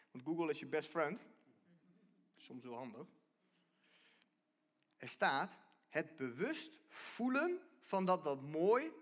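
Speaking from a church stage, this man's voice sits high with a fairly bright tone; his sermon is conversational, and he often starts over and repeats points while explaining.

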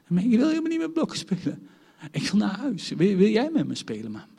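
A man's voice: high-pitched, huge pitch swings, brisk, creaky, mellow, breathy edge, voice pushed up, heavily acted. A man voicing a frightened small boy who pleads and protests to his mother, repeating "mam". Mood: pleading. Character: small boy, frightened and whiny, clinging to mom.

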